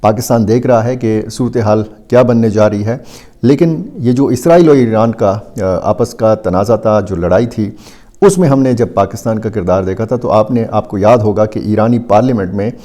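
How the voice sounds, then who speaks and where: A news commentator with a Pakistani accent offers unscripted analysis to viewers, speaking deliberately and haltingly with many drawn-out hesitation sounds. His voice is on the low side and warm.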